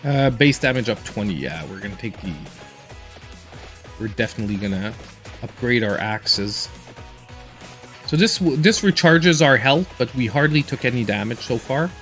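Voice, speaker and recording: A man's voice: medium pitch, expressive, moderate pace, long pauses, fairly bright tone, soft background music. A man in his forties chatting casually and in a reserved way while he live-streams a game as host. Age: 40s.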